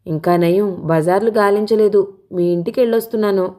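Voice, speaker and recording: A woman's voice: mid-range voice, fairly even intonation, normal speed, dark tone, lightly acted. A woman reading the lines of a cheerful, teasing young man in a spoken novel, in a playful, coaxing way.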